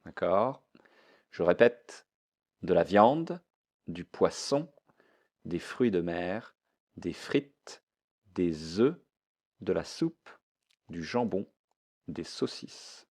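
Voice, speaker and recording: Man, French teacher, classroom lesson, repeats words, slow delivery. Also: low voice, expressive, darkish tone. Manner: repeats each word slowly, mixes French with English explanations.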